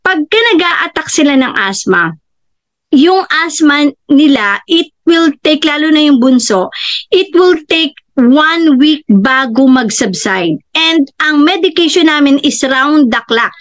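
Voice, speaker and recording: A middle-aged woman giving a personal testimonial, telling her family's story in an animated way and jumping high when she quotes others. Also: slow pace. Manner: animated, acts out quoted family members with sudden high-pitched jumps. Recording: dull, slightly lo-fi recording.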